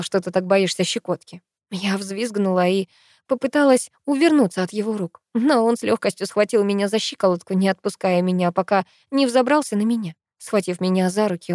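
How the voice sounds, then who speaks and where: A woman reading a first-person romance audiobook with intimate, expressive narration. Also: medium pitch, no room sound, studio quality.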